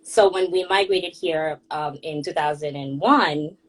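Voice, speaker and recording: Young woman from Kenya, guest on a call; husky, lowish voice, chatty and quick to laugh. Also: rough recording. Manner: chatty, laughs often while telling stories. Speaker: guest, hairstylist and blogger. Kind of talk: casual conversation on a group audio call.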